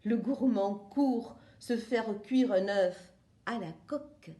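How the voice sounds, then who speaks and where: High, slow storybook voice of a woman. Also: dark tone. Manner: slow, sing-song, playful read-aloud. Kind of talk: children's storybook narration. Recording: roomy echo.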